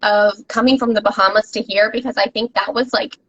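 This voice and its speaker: A woman guest on a podcast, talking as a business coach in an energetic, emphatic, motivational way, often repeating herself for stress. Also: mid-range voice, brisk, muffled recording. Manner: energetic and emphatic, with repetitions and restarts. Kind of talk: motivational casual conversation.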